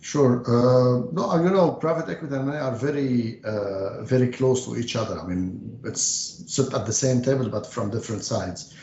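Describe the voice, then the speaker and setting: Middle-aged guy from lebanon, hesitant, roomy muffled sound, faint rumble. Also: warm tone. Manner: measured, frequent hesitations. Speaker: investment banker guest. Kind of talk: interview answers.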